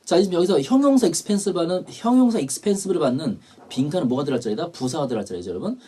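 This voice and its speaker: A man's voice: a little high, animated, quick pace, warm tone, slightly rough. A man teaching an English test prep lecture, explaining grammar and repeating key terms.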